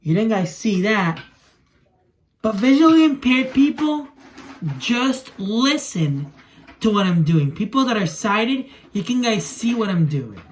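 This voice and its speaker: Speaking a little slowly in a high, very animated voice, a young man walks viewers through a toy demonstration, casually narrating each move as he handles the toys. He makes toy videos for a home vlog, filmed in a small room at home, and the recording has noise and clicks.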